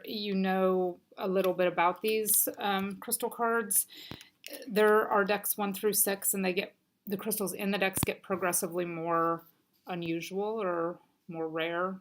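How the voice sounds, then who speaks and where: An American woman with a medium-pitched voice gives a casual weekly crystal and oracle card reading, speaking gently at a moderate pace in a steady tone. Allergies make her voice a bit stuffy and scratchy, and she says "um" often.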